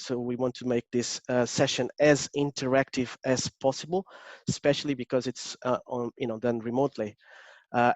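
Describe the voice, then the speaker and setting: Here an agile coach from Portugal leads a webinar through a video call, speaking with a Portuguese accent and stumbling through frequent fillers and false starts. His voice is mid-range with a somewhat dark tone, captured in a dry recording.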